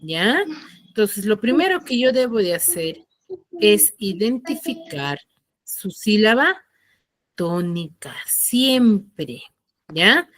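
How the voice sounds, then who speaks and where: A woman teaching an online class, asking her students question after question and explaining slowly with emphasis. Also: medium pitch, very animated, a bit bright, no echo.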